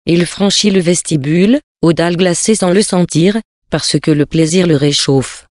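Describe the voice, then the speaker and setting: A narrator reading old tales in a measured, literary manner. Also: medium pitch, a little mellow, dry recording, studio quality.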